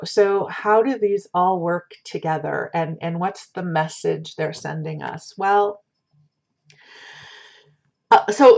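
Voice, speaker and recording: Female oracle reader, fortune-teller manner: lowish pitch, conversational and gently reassuring, slightly muffled lo-fi recording. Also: gravelly. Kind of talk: casual spiritual card reading in the manner of a fortune teller. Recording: dull lo-fi sound.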